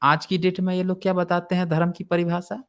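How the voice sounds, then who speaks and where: A man's voice: sits high, little pitch movement, fairly quick. Guy explaining an old text, chatty, reads a bit then comments. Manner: mocks opponents in put-on voices. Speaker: channel host explaining philosophy. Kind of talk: casual explanatory talk.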